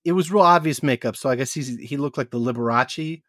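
Man, mid pitch, dry sound, casual offhand podcast chatter. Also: a little fast, a bit bright, dry recording. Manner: offhand, sprinkles fun facts, many fillers. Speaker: podcast co-host. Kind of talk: casual chat.

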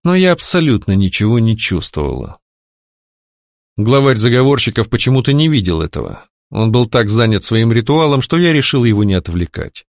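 A man reading a first-person fantasy novel aloud, in an expressive storytelling manner. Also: medium pitch, moderate pace, no room sound, studio quality. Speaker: audiobook reader.

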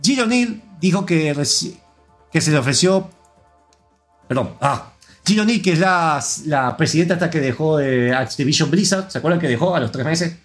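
An Argentine man with an Argentine Spanish accent hosts a relaxed gaming podcast, speaking at a moderate pace in a somewhat high voice. He rambles casually from one news item to the next and reads listener comments aloud, while soft music plays faintly underneath.

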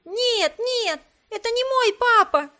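A woman's voice: extremely high pitch, lively intonation, slow, pushed and bright, pitched above the performer's own voice, full character voice. A woman voicing a small boy in an audiobook reading. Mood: frightened.

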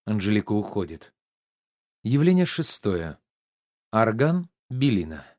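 A man's voice: on the low side, very animated, a little slow, darkish tone, no echo, studio quality. A man reading stage directions aloud in a plain, matter-of-fact way in a play reading.

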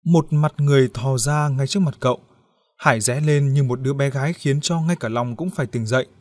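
Male horror audiobook narrator, mid-pitched, measured and suspenseful. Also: darkish tone. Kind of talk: scripted horror story narration.

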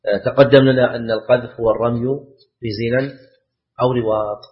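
A man teaches a class on Islamic law, going over each point more than once and quizzing his students as he goes. His voice sits at an ordinary middle pitch. The recording is dull and lo-fi. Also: fairly even intonation, brisk. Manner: repeats key phrases and asks the class rhetorical questions. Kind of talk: classroom lecture explaining a text.

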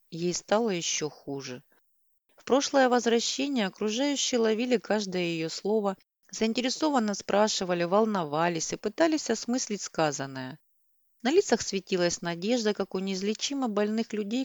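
A woman narrating an audiobook in a steady, measured reading voice of middling pitch. The recording is dry and close, with no room sound. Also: no echo. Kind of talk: scripted narration.

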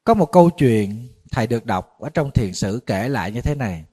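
A man, a Buddhist monk giving a conversational dharma talk, a little tired, animated when he tells stories. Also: mid-range voice, moderate pace, husky. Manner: conversational storytelling, animated when retelling shouting.

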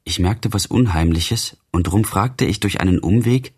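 A man's voice: lowish voice, normal speed, slightly rough. A man reading a classic novel aloud as an audiobook narrator, in an impassioned, declamatory manner.

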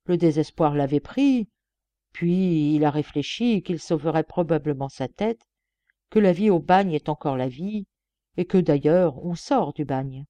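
A woman voicing a gruff, mocking male police inspector with an offhand, scoffing manner. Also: low voice, expressive, unhurried, dark tone, dry recording.

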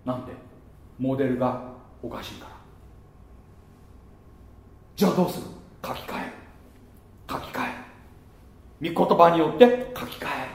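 A man preaching a sermon as pastor, lively and playful, slipping into muttered mocking asides. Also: on the high side, normal speed, gravelly, long pauses, roomy sound. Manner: lively, mutters mocking asides and laughs at his own jokes.

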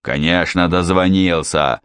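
Man doing a gruff, snapping father. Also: low-pitched, unhurried, a bit bright, no echo, studio quality. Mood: angry. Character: irritable, blustering middle-aged father.

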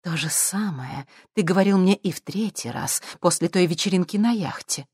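Icy, calm menacing mother, read by a woman. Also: on the low side, husky, dry recording, clean studio sound, pitched above the performer's own voice. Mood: cold menace. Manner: calm, cold, measured. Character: cold, ruthless wealthy mother, calm and menacing.

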